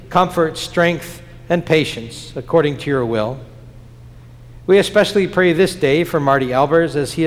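A man leading prayers in a church chapel in a measured, solemn liturgical cadence, his voice ringing with a cathedral-like echo. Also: on the high side. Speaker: pastor. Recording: long church reverb.

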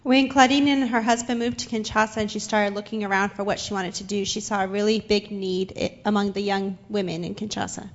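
A woman's voice: mid-range voice, fairly even intonation, brisk, hardly any pauses, lo-fi sound. A young woman interpreting into English for a guest in a church, slightly hesitant with fillers. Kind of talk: consecutive interpreting. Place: church sanctuary.

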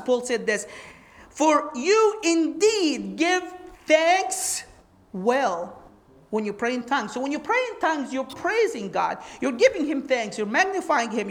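In a teaching talk that feels like a sermon, an Egyptian woman who grew up speaking Arabic preaches with force and animation in a high voice. As a Bible teacher, she keeps posing rhetorical questions.

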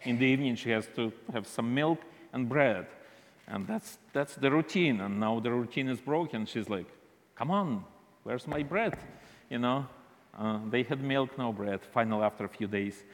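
A man with an Eastern European accent giving a halting, deliberate church testimony as a visiting minister. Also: mid-range voice. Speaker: visiting minister speaking to a congregation. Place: large indoor church hall. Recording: reverberant hall.

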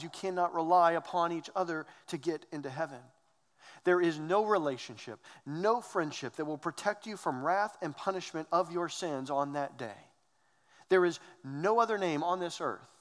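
A man's voice: fairly high pitch, big-room sound. A man preaching a sermon, earnest and emphatic, asking rhetorical questions. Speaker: pastor.

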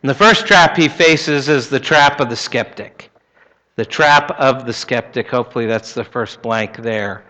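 A man's voice: mid-range voice, a little slow, sharp tone, rough recording. A middle-aged man with an American accent preaching as a pastor in a conversational, plain-spoken way. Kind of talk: sermon with prayer and personal anecdotes.

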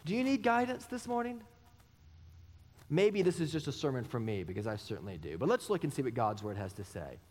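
Male pastor, thirties, earnest sermon, rhetorical questions, animated pitch, long church reverb. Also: brisk. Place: church sanctuary.

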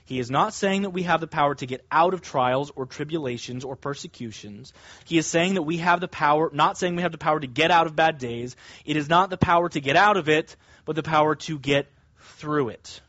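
Male preacher, high voice, emphatic expository teaching, close dry sound. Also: fairly bright tone, dry recording, lo-fi sound. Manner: emphatic, deliberate, with stressed key words. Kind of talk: expository sermon, teaching verse by verse.

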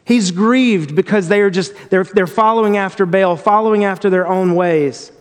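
A man with a high voice gives a devotional Bible teaching in an earnest, reflective way. He often restarts his phrases. A long reverb trails after his voice. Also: normal speed, clear, resonant tone.

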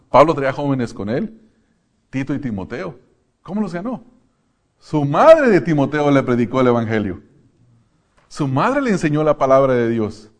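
A man preaching a sermon in a church, earnest, moving from quiet asides to loud, emphatic outbursts. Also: mid-range voice.

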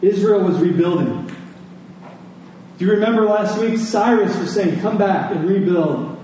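Unhurried and mellow, a man with a high voice preaches to his Sunday congregation. He teaches in a conversational way, repeating himself and asking rhetorical questions, while the distant mic picks up an echoey room and faint noise.

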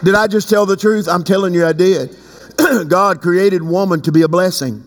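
A fervent male preacher with a notably high voice, booming out lines and then dropping to hushed asides. His words ring through a large church with a long, echoing reverb tail. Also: normal speed, slight background noise. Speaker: pastor. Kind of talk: sermon.

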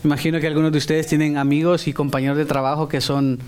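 A middle-aged man preaching a sermon in an animated way, acting out the voices he quotes. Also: on the high side, quick pace, clear, resonant tone.

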